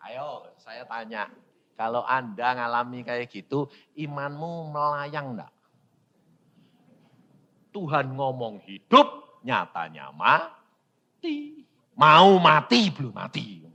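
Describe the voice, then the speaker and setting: A male pastor preaching a sermon, telling a story dramatically with loud bursts and hushed asides. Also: medium pitch, expressive, slow, long pauses, long reverb tail, highs cut off.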